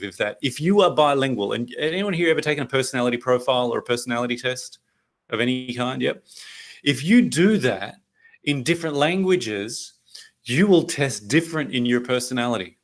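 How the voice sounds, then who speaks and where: An Australian man presenting a leadership workshop over a video call, chatty and anecdotal, often laughing. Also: mid-range voice. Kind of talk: interactive online workshop talk.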